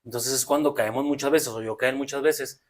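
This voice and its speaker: A man's voice: medium pitch, steady tone, a little fast. A man with a Mexican accent talking reflectively in a casual podcast conversation, explaining at length. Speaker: podcast co-host.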